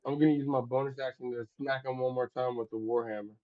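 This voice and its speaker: A man's voice: medium pitch, fairly even intonation, fast talker. A man plays a tabletop game over a voice call, his sound thin and phone-like. He talks in loose, rambling bursts and keeps restarting as he counts up damage. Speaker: player. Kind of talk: casual tabletop play. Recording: tinny call audio.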